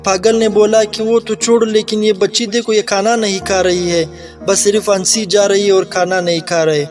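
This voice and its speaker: A man's voice: sits high, little pitch movement, soft background music. A man with a Pakistani Urdu accent casually telling a folk tale, with plain, conversational restarts. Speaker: storyteller. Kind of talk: casual oral storytelling.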